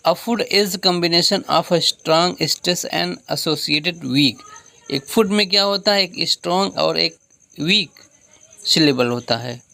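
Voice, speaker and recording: Slow, gravelly male teacher. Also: a little high, bright, forceful tone, dry recording. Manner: explains slowly, repeats points, reads English lines then explains in Hindi. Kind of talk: exam revision lecture.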